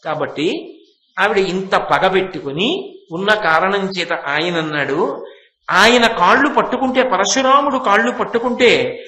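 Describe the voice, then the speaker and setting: A man delivers a devotional sermon as a vivid story, breaking into slow chanted verses. His voice sits high and sounds sharp and bright. The room around him rings with echo. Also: expressive. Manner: vivid retelling that acts out the characters' speech. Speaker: religious discourse speaker.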